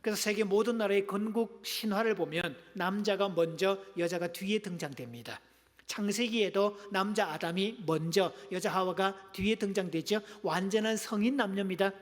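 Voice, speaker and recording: A middle-aged man preaching a sermon, his voice sitting high for a man and full of playful, engaging humor as he keeps calling on the congregation. His voice carries a long reverb from the church hall around him. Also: moderate pace. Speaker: pastor. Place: church sanctuary.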